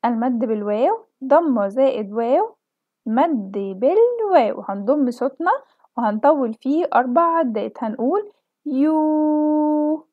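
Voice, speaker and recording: A young woman with an Egyptian accent, a kindergarten teacher giving a children's alphabet lesson and stretching out each sound slowly for the kids. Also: on the high side, expressive, no room sound, narrow, tinny audio. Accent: Egyptian Arabic. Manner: slow drawn-out model pronunciation for children.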